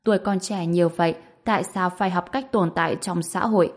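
A woman narrating a scripted story in steady, even storytelling. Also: fairly low pitch, a little fast.

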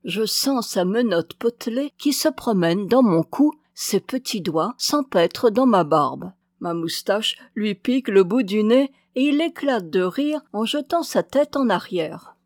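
A woman reading a classic novel aloud as an audiobook, tender and expressive. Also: medium pitch, unhurried, few pauses, dry recording, clean studio sound. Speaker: audiobook reader.

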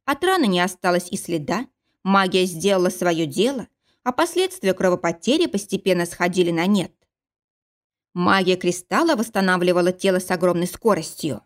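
A woman reading a fantasy romance audiobook in a measured, even narration. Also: lowish voice. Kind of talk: scripted narration.

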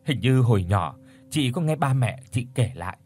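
A man's voice: medium pitch, lively intonation, moderate pace, darkish tone, husky. A man voicing a frightened young woman who trembles and stammers in a spoken horror story. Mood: curious.

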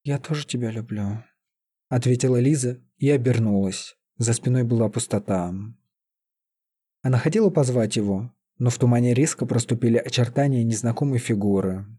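A man calmly reading a fantasy story aloud as an audiobook narrator. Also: medium pitch, a little fast, breathy edge. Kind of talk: scripted narration.

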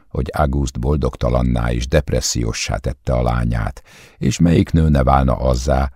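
Male audiobook narrator, calm and measured; very deep, dark voice, dry recording. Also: breathy edge, dry recording. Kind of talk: scripted narration.

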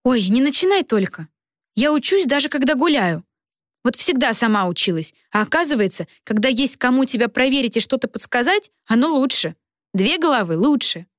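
A chirpy young woman in love bubbles along in a raised, sunny voice. A woman reads her out in a close, dry studio sound, quick to gush and dreamy. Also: sits high, big pitch swings, no echo, pitched above the performer's own voice. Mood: bubbly. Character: cheerful lovestruck young woman student.

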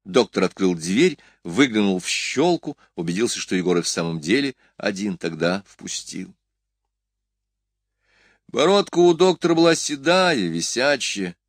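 A man reading a story aloud in a calm, quiet, even manner. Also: lowish voice, measured pace, dry recording, clean studio sound. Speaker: audiobook narrator. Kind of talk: scripted narration.

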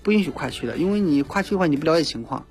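A man's voice: a little high, expressive, very fast, soft background music. A man giving spontaneous legal advice as a radio guest, emphatic and repeating himself.

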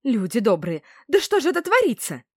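A woman doing a shrill, wailing old market crone. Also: wildly swooping pitch, fairly quick, slightly rough, no echo, studio quality, heavily acted. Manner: loud, wailing and indignant. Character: shrill, scheming old female market herb seller.

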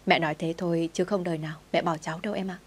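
A woman's voice: on the low side, fairly even intonation, very fast, breathy edge. A woman reading the lines of an earnest son of thirty pleading with his mother.

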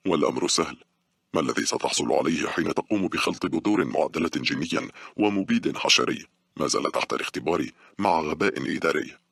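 A man voicing a shy but smug grey-haired male worm scientist in an audiobook, gentle and lecturing. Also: a bass voice, quick pace, vocal fry, no echo, studio quality, heavily acted. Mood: exasperated. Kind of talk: audiobook character reading.

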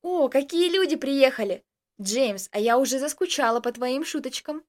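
A woman voicing a bubbly, sharp-tongued young actress who talks in loud exclamations, in a story reading. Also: high voice, moderate pace, lightly acted. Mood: excited.

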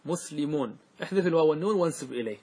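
A middle-aged male scholar leads a grammar lesson in a somewhat high, husky voice. He keeps quizzing his students and repeats example words, drawing them out slowly. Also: lively intonation, warm tone. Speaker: religious scholar teaching grammar. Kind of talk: classroom lesson with questions to students.

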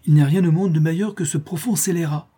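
A man's voice: a little high, fast, warm tone, breathy edge, pitched above the performer's own voice. A man voicing a cheerful, teasing young mother in a raised, playful tone.

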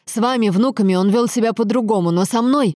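A woman reader voicing a weary middle-aged father who speaks haltingly and defensively, nearly out of breath. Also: high-pitched, darkish tone, no echo, studio quality, voice pushed up, natural voice. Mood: pleading.

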